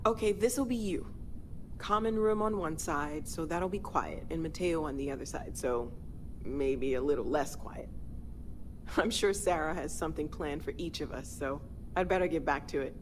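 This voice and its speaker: An actress with a low voice plays a friendly, thoughtful young woman scientist in scripted video game dialogue, speaking at a moderate pace with light acting. She sounds earnest, a little awkward and tentative. The recording is clear of background noise and ambience.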